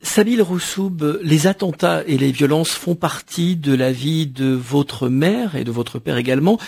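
Gravelly, husky male radio interviewer. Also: a little high, a little slow, a little mellow.

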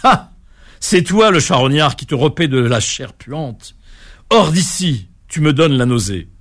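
A man doing a shrill, scornful frog wife. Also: animated, slow pace. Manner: shrill indignant scolding. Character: haughty proud female frog, scolding.

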